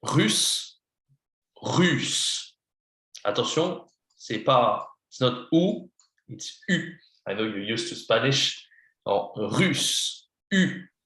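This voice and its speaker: Bright and forceful, a man's medium-pitched, expressive voice moves at a slow pace in a reverberant space. He patiently leads a beginner through French one-on-one, spelling each word letter by letter, slipping into English to clarify, and repeating a lot.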